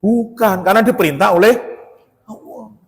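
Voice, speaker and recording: A man's voice: sits high, normal speed. A man giving a sermon, telling stories with quoted dialogue and rising to emphatic peaks. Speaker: preacher. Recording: long hall reverb.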